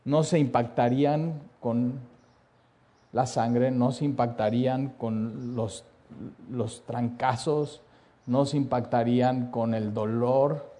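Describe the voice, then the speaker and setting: A man preaching a sermon, telling the story dramatically, dropping to a hush and then rising loud, with repeated lists. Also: mid-range voice, fairly even intonation, slow pace.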